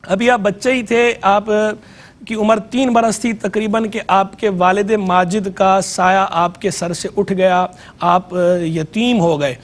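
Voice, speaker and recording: Steady in tone and high in pitch, a man with a Pakistani Urdu accent gives an educational religious lecture on a TV program. He speaks in a measured, explanatory way, repeating key terms to drive them home.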